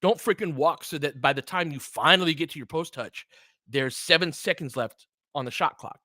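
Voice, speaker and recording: A fan host calls basketball play-by-play in a casual, opinionated way, his voice slightly high and sharp at a normal speed. Between calls he chats with listeners and answers chat commenters by name. The studio sound is clean, with no room echo.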